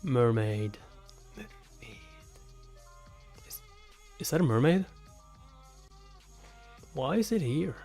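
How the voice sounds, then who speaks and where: A man reads a webtoon aloud in a casual live reaction, exclaiming and swearing in mocking disbelief. His medium-pitched voice is expressive and darkish in tone, slow and full of pauses, with soft music in the background.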